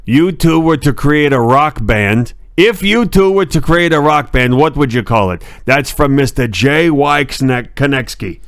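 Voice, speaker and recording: A man co-hosting a comedy stream, telling rambling absurd stories in a deadpan way. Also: mid-range voice, a little slow, few pauses, clear, resonant tone, dry recording, clean studio sound. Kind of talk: improvised comedy banter.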